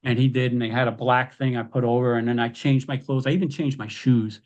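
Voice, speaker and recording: An animated man recounts wrestling tales as a podcast guest. He tells it casually, in a middle-pitched voice, and leaps into quoted lines with a raised voice. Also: brisk, lo-fi sound. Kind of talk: casual storytelling.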